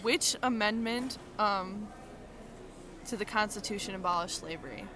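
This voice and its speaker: A young adult woman runs a casual on-location quiz, putting questions to people in an informal, giggly manner. Her voice is mid-range at a moderate pace, with crowd chatter creating a noisy background.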